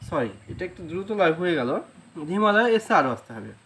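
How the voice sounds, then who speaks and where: A man's voice: sits high, very animated, fairly bright tone. A man with a Bangladeshi Bengali accent teaching a flute lesson, patiently explaining rhythm and singing sargam syllables, often checking "right?". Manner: sings sargam syllables slowly. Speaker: music teacher. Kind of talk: flute lesson, spoken instruction.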